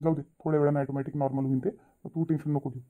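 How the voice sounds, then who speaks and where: A man's voice: fairly high pitch, level tone, rapid-fire, narrow, tinny audio, natural voice. A man voicing a patient middle-aged village father in a cartoon, coaxing and lecturing his wife. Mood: soothing. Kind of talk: cartoon voice acting.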